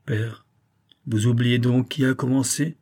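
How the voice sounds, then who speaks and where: A man's voice: medium pitch, steady tone, unhurried, a little mellow, lightly acted. A man reading a novel aloud, voicing a devoted young daughter who pleads earnestly with her father. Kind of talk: audiobook character reading.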